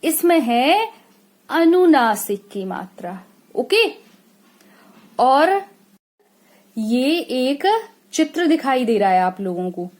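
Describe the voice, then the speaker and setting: A woman's voice: high voice, very animated, slow pace, long pauses, a little mellow. A woman from India teaching young children a lesson, stretching out sample words and checking in with a frequent "okay?". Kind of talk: classroom lesson explanation.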